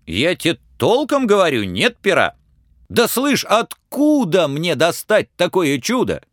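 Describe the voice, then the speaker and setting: Мужчина изображает испуганного простоватого парня. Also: male voice, high voice, wildly swooping pitch, measured pace, no echo, clean studio sound, pitched above the performer's own voice, exaggerated voice. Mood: defiant. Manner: pleading, wailing. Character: frightened pleading young peasant man. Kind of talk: storybook reading.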